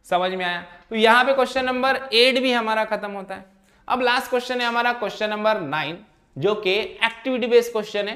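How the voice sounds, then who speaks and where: A man with a rather high, slightly bright voice teaches a math lesson, walking students through each step. He keeps pausing to ask whether they're following along.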